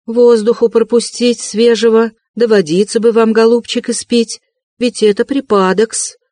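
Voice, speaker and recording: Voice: mid-range voice, flat delivery, a little slow, dark tone, no room sound, voice pushed up, lightly acted. Reader doing a wheedling sly male investigator, raised voice, fawning, dry close sound. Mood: fussing, solicitous. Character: fussy, ingratiating middle-aged male investigator. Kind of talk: audiobook character reading.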